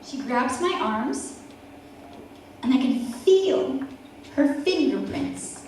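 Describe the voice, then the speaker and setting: A woman in her forties telling a personal story at an event, with vivid, dramatic pauses. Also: high voice, animated, a little mellow, slight background noise. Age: 40s. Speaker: event speaker. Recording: echoey hall from far off, faint ambience.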